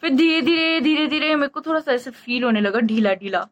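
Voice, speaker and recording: A woman talks to her camera in a loose, chatty vlog style and wanders from point to point as she tells her story. Her voice sits a little on the high side, and she sounds short of breath throughout. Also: lively intonation, fairly quick, dull audio. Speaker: vlogger. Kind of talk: casual vlog talk to camera.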